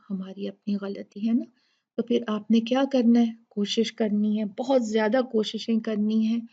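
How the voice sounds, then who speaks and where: A woman teaching Quran recitation rules. She demonstrates letters slowly and patiently, and often checks with "ठीक है?". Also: fairly high pitch, mellow, dull audio. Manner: patient, drawn-out demonstrations, keeps asking "ठीक है?". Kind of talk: tajweed lesson with slow recitation.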